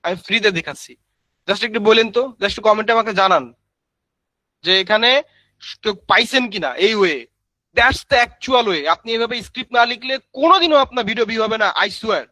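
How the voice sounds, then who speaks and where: A man's voice: sits high, brisk, sharp tone, dry recording, poor audio. A man teaching a live screen-share tutorial, chatty, calling viewers brother and using many fillers. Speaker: online course instructor.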